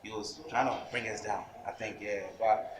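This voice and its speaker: A man in his twenties with a Ghanaian English accent speaks on the low side at a moderate pace, with little pitch movement. A rapper, he answers interview questions earnestly and often restarts his phrases, in an echoey room with background noise.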